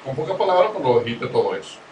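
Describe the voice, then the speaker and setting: Host, echoey distant mic. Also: male voice, medium pitch, very animated, fast talker, darkish tone, dull audio. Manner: asks long, winding questions. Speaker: interview host. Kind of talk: conversational interview. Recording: echoey, distant mic with clear background noise.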